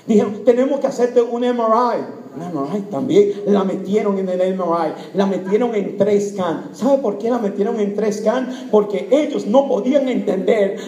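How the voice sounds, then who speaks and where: A man's voice: high voice, moderate pace, few pauses, warm tone, roomy sound. A man preaching a sermon testimony, speaking emphatically and putting questions to the congregation.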